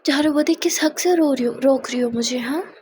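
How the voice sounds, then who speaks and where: A woman's voice: high voice, normal speed, mellow, a little hiss or hum, natural voice. A woman voicing a confident young woman who teases and coaxes her friend. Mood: teasing. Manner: teasing, coaxing, half-laughing.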